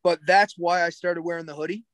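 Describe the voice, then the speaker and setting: Higher-voiced man with a Cape Breton accent. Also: steady tone, a little fast, fairly bright tone, no room sound, clean studio sound. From Cape Breton Island, Nova Scotia, Canada. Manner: blunt, heavy casual swearing. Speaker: podcast guest, jiu-jitsu coach. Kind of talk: casual chat.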